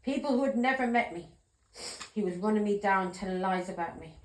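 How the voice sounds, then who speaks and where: A woman's voice: mid-range voice, a little fast, echoey room, slight background noise, rough recording. A middle-aged woman giving a tarot reading, talking bluntly and heatedly, swearing and often asking "yeah?". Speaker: tarot reader. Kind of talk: emotional tarot reading monologue.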